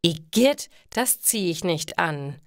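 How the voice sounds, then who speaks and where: A woman's voice: on the low side, lively intonation, slow, no room sound, clean studio sound. A woman voicing a bossy, self-important young girl who snaps demands at her friend. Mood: bossy, snippy. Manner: demanding and snippy.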